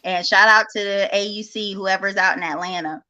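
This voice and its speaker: A woman's voice: medium pitch, fairly even intonation, brisk, pushed and bright. A woman with a cartoon-like voice, chatting casually and animatedly as a call-in guest telling personal stories. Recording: slightly dull, lo-fi call audio.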